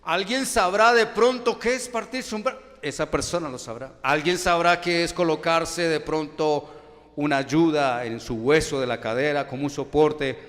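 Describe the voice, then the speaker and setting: Colombian man, pastor, fairly high-pitched, preaching in a ringing church hall with rhetorical questions and swells of volume. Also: normal speed. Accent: Colombian Spanish. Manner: emphatic preaching with many rhetorical questions, loudness rising and falling. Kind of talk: sermon. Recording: long church hall reverb.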